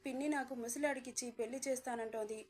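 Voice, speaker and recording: A woman's voice: high-pitched, steady tone, fast, darkish tone, lightly acted. A woman voicing a scared young girl who was married off as a child, pleading tearfully in a storybook narration. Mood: frightened pleading.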